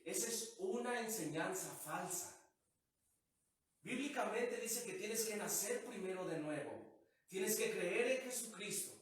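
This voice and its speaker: A man preaching a sermon as pastor, often tossing rhetorical questions to the congregation. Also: high-pitched. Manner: peppers talk with rhetorical questions. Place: church sanctuary. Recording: echoey hall, mic far off.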